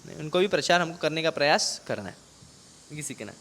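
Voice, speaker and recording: An Indian man giving a scripture class, reading English commentary slowly and deliberately, then explaining quickly in Hindi with a mix of English words. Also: fairly high pitch, animated, vocal fry, a bit bright. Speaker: preacher. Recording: long hall reverb.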